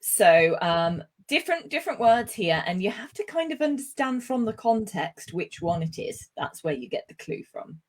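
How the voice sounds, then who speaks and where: A woman from Britain teaching English pronunciation over a video call, praising and correcting slowly. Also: medium pitch, very animated. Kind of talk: online speaking lesson.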